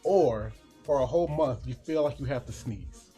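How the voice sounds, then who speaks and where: A man's voice: medium pitch, normal speed, mellow, faint music behind. A man co-hosting a casual group podcast, tossing out would-you-rather questions and laughing often. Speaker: podcast co-host.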